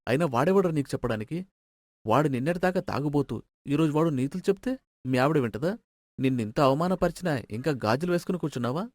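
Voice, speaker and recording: A sneering village man, taunting his friend in a low, hushed voice and rattling his lines off fast, as a woman storyteller puts him on. His speech is dry and close, with no room around it. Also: lively intonation, no room sound. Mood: goading. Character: mocking young village man, Raghu's friend.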